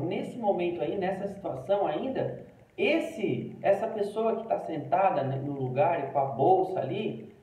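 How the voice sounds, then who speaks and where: A man explains English phrases in with patient, clear teaching. He repeats the examples slowly and leans hard on the intonation. His voice sounds thin and phone-like, set back from the mic in a very echoey room. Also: sits high. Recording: echoey room, tinny and distant.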